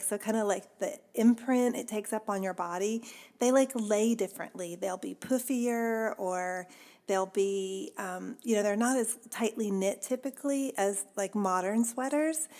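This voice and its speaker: A woman's voice: mid-range voice, darkish tone. A woman hosting a podcast in a chatty, casual way, laughing often and using many fillers. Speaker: podcast host. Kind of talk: casual chat.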